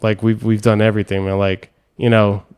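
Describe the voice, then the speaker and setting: A young man from Hawaii hosting a podcast, telling animated stories and acting out voices and sounds. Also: lowish voice, fairly quick, clear, resonant tone. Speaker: podcast host. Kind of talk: casual storytelling chat.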